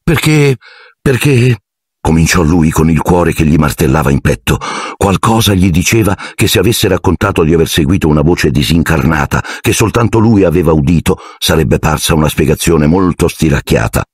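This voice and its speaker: A man reading an audiobook aloud in scripted, expressive storytelling narration. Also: very deep voice, fairly quick, slightly rough, dry recording, studio quality.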